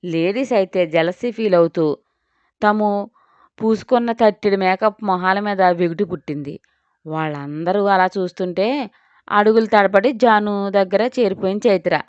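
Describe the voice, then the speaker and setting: A woman narrating an audio story with steady delivery. Her voice is smooth and clear, with a dry close sound and a slightly dull tone. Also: mid-range voice, moderate pace, no echo.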